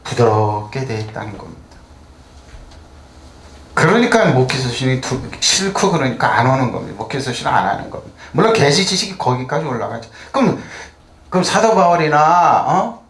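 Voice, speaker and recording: A man's voice: medium pitch, big pitch swings, moderate pace, fairly bright tone. Older male pastor in an echoey hall. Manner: conversational, asks the congregation rhetorical questions. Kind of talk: sermon. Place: church.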